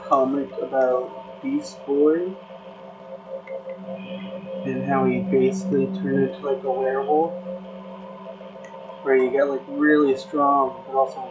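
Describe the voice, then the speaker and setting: Over background music, a content creator talks in a flat, mid-range voice on a muffled recording. The casual chat is slow and meandering, packed with fillers and false starts.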